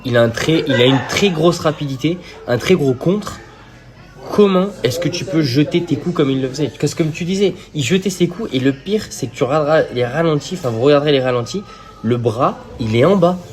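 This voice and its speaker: A man with a French accent in a casual podcast chat, breaking down the fight in quick, assertive analysis. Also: on the high side, animated, darkish tone. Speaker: podcast co-host.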